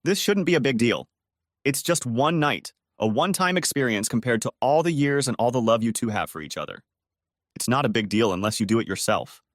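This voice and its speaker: A man's voice: medium pitch, lively intonation, a little fast, dry recording, clean studio sound, natural voice. A man putting on a soothing, pleading woman friend. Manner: soothing, apologetic, insistent. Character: calm, pleading woman friend, soft but firm.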